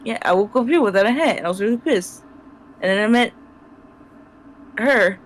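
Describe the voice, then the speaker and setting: A man playing a tabletop game over voice chat, excitable, swearing freely and laughing a lot. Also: high-pitched, normal speed, slight background noise, poor audio. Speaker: player. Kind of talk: casual in-character game chat.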